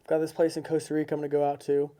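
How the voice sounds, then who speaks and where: A man's voice: a little high, monotone, very fast, dark tone. A man from Seattle, a podcast guest, talking earnestly in a casual interview with repetitive, emphatic phrasing. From Seattle, United States.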